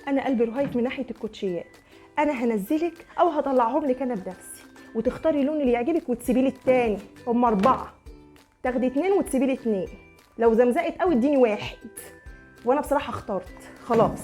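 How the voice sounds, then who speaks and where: A woman's voice: high voice, expressive, very fast, darkish tone, faint music behind. A young woman with an Egyptian accent acting in a comic sketch, coaxing and pushy as she talks a neighbor round. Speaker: comedy sketch creator. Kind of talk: comic one-sided phone-style sketch.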